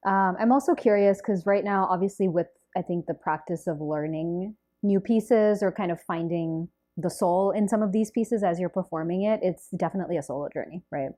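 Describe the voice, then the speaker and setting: A woman's voice: lowish voice, normal speed, few pauses, dark tone. A woman hosting an interview, asking curious questions and affirming her guest often. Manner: curious, supportive, frequent affirmations. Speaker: podcast host. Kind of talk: casual interview conversation.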